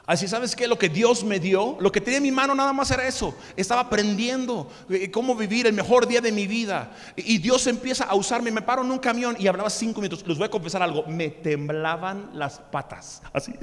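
A man's voice: high voice, a little fast, hardly any pauses. A man preaching a sermon, telling stories animatedly and often stammering as he restarts his sentences. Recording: long hall reverb.

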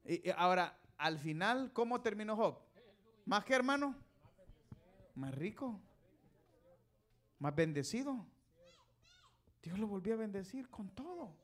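A male preacher giving a folksy sermon, teasing and calling out questions to the congregation, swinging between loud and soft. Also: sits high, lively intonation, measured pace, pauses often.

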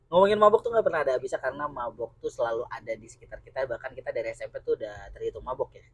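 A man's voice: mid-range voice, racing, husky. A young man with a Jakarta accent, chatting casually as a podcast host. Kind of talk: casual chat.

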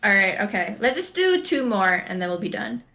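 A woman's voice: medium pitch, sing-song, normal speed, vocal fry, sharp tone. A woman hosting a casual chat and teaching Korean sounds, laughing often and teasing.

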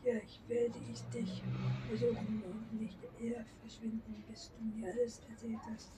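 A woman voicing a determined woman in a soft, half-whispered way, recorded from a distance with audible background noise. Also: on the high side, completely flat delivery, normal speed, close to an everyday voice. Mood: relieved. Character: determined woman finally finding someone.

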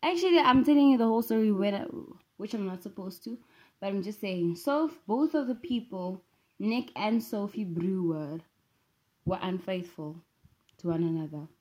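A woman's voice: mid-range voice, normal speed, dark tone. A young woman at home, chatting casually and rambling playfully with sassy asides, as host of her own vlog. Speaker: vlogger.

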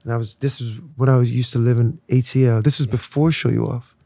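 Relaxed young guest from Nigeria, mellow, gravelly tone, easygoing interview talk. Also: male voice, medium pitch, fast talker, no echo. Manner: relaxed, reflective, filler-heavy. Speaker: musician guest.

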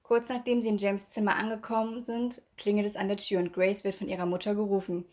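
A woman narrating a storybook chapter in a steady, measured reading voice. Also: mid-range voice.

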